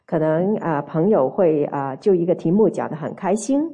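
A woman's voice: sits low, lively intonation, moderate pace, mellow, breathy edge, highs cut off. A woman interpreting a sermon phrase by phrase, hesitating with small fillers while she finds the words. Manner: hesitant, fills gaps with "ah" and "er" while translating.

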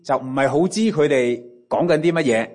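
A man with a Cantonese accent and a mid-range, slightly mellow voice preaches a sermon in short phrases. He pauses for an interpreter and often starts with a drawn-out interjection.

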